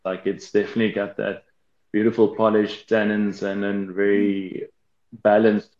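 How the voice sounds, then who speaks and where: A winemaker talking hesitantly, with many restarts, over a bad remote call connection. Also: male voice, on the low side, completely flat delivery, moderate pace, darkish tone. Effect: bad connection, remote call line. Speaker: winemaker guest. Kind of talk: casual remote interview. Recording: muffled echoey call line.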